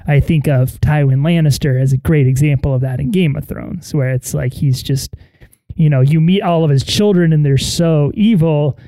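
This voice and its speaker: A man's voice: on the high side, moderate pace, mellow, no room sound. A man co-hosting a casual film review podcast, talking in a laid-back, slangy, mocking way. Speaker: podcast co-host.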